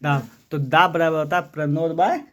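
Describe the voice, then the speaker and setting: A man's voice: on the high side, steady tone, moderate pace, crowd noise. A young man with a Bihari Hindi accent teaching a physics lesson, often asking the students questions back. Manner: quizzes students with repeated questions.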